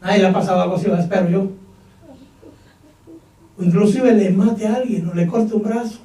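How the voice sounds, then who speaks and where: A man's voice: sits high, fairly even intonation, normal speed, warm tone. A male pastor with a Mexican Spanish accent, preaching a Pentecostal sermon and putting rhetorical questions to his congregation. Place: church hall. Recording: echoey church hall, mic at a distance.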